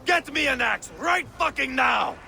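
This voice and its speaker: A man playing a fierce, vengeful, hot-tempered Viking warrior in a video game, with a gravelly, commanding voice. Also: high-pitched, sing-song, slow pace, a little hiss or hum, full character voice. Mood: frantic, furious. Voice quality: gravelly, forceful. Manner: intense, commanding, theatrical.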